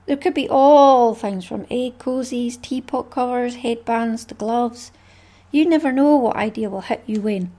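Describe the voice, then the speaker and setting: A Scottish woman hosts her craft podcast alone, her voice a little husky and breathy. She sits fairly high in her range and rambles through her thoughts in a friendly, chatty flow, with small laughs here and there. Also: unhurried, warm tone. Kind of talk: casual solo podcast chat.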